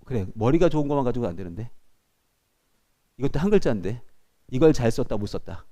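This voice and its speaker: A man's voice: medium pitch, fast. A man teaching a class, lecturing to students and often checking in with them. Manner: animated, addresses students directly with frequent checks.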